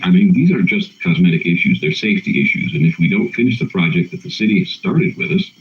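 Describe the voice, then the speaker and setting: A man with a very low voice reads a prepared public comment. He is earnest, formal and emphatic, and stumbles now and then. The sound is slightly dull, like a remote meeting connection. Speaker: arts council executive director, public commenter. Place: remote call into a council meeting.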